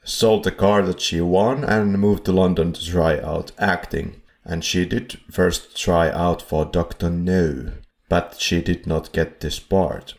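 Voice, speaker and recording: A man's voice: sits low, steady tone, slow, vocal fry, hardly any pauses. A man co-hosting a film podcast in a casual chat, rambling a bit and chuckling at his own slips. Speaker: podcast co-host. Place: home setup in Poland.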